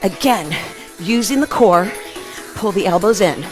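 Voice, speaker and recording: A woman's voice: mid-range voice, lively intonation, a little slow. A middle-aged woman aerobics instructor calling out short, punchy, encouraging workout cues as she exercises. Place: open living room at home, indoors. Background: music.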